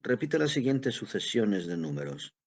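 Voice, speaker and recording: A man voicing a tired grown son who speaks calmly and evenly, in a husky voice. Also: fairly low pitch, heavily acted. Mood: patient. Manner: calm, measured reading. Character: weary, patient grown son.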